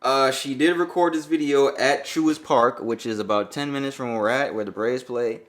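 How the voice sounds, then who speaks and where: A young man born in Jamaica and raised in New York co-hosts a podcast, riffing loosely and profanely on a viral song. His mid-range voice moves at a normal pace, with faint music playing behind him.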